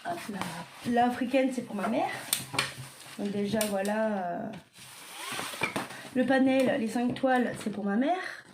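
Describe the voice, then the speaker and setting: A woman's voice: a little high, animated, takes it slowly, long pauses. A young woman talking casually as she shows her collection, hesitant and full of fillers and self-corrections. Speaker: vlogger showing her diamond painting stock. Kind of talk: casual show-and-tell. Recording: clear background noise.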